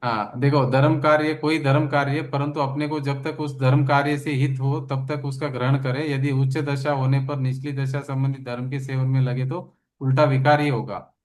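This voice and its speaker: A man's voice: medium pitch, little pitch movement, moderate pace. A man leading a study session as a religious teacher, explaining a text with emphatic, repeated phrases.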